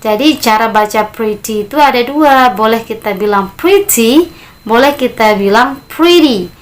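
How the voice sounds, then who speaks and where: A woman teaching beginners English vocabulary, repeating model words slowly and clearly with a lifted voice on each example. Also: a little high. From Indonesia. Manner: addresses learners as friends, steady explaining pace. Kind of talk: beginner language lesson.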